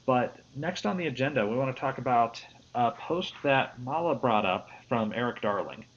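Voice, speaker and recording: A man's voice: mid-range voice, lively intonation, moderate pace. A man with a Midwestern American accent hosting a casual live-streamed panel chat, easygoing and rambling with frequent restarts. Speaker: host. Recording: lo-fi stream audio with faint hiss.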